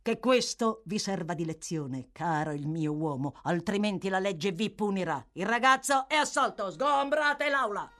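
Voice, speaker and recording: A woman reading aloud, voicing a bullying, sneering male magistrate who barks loud, scornful orders in an audiobook. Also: lowish voice, normal speed, few pauses, natural voice. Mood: harsh.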